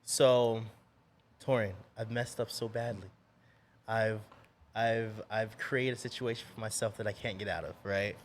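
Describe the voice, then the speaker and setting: A man's voice: fairly low pitch, steady tone, unhurried. A man hosting a podcast, offering brief affirmations and asking reflective follow-up questions. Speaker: podcast host. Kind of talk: casual interview chat. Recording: faint background noise.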